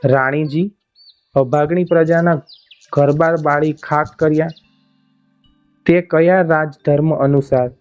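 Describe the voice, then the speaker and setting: A man's voice: on the high side, fairly even intonation, slow, long pauses, darkish tone, clean tone. A man reading the lines of a stern, angry king who speaks reproachfully. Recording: dull lo-fi audio, faint music.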